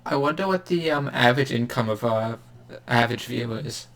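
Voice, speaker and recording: A man's voice: medium pitch, brisk, fairly bright tone. A young man co-hosting a podcast in casual chat, sarcastic and rambling with lots of fillers and laughter. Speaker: podcast co-host.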